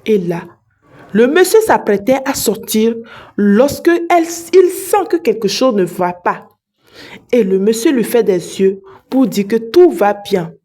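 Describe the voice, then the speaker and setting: A woman narrating a dramatic tale and turning to her listeners with questions. Her voice is warm and mellow, pitched a little high. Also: lively intonation, a little slow. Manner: addresses listeners directly. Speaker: storyteller. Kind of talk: dramatic storytelling.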